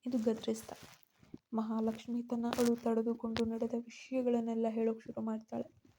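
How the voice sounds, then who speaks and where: A woman narrating a serial story in an even, measured way, taking on her characters' voices. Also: a little high, slight background noise.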